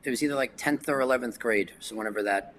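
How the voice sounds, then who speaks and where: A man's voice: medium pitch, quick pace, fairly bright tone, slight background noise. A man, chatting casually as a podcast guest and rambling with lots of fillers. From New York. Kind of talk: casual chat.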